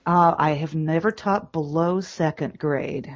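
A middle-aged woman interviewed over the phone as a guest, explaining things in a steady way with some hesitations. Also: low-pitched, a little slow, no room sound. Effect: heard over a phone line. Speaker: guest, editor of a teacher resource website. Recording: dull lo-fi phone line.

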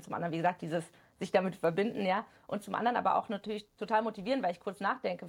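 A woman who works as a study coach, a guest on a podcast, explaining in a fast, animated way full of fillers. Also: mid-range voice, gravelly, breathy edge. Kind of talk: casual chat.

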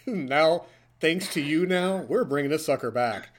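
Chatting from a hotel room, a podcast host in his forties jokes around and playfully ribs his co-host. His voice is a little high and a little slow, suited to the casual conversation.

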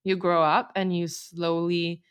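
A young woman in casual chat, talking reflectively and hesitantly, trailing off softly. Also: fairly low pitch, flat delivery, unhurried, smooth.

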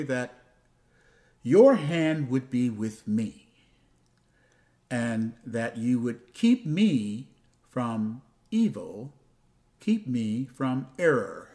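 Slow, hushed male pastor. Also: mid-range voice. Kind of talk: slow scripture reading and prayer.

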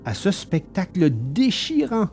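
A man narrating a storybook in an animated, expressive way. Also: high voice, takes it slowly, soft background music. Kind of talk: storybook reading.

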